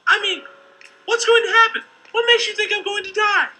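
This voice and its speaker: A woman's voice: very high voice, steady tone, a little fast, sharp tone, rough recording. An actress voicing a skeptical young woman in a game who teases a caller warning her of danger.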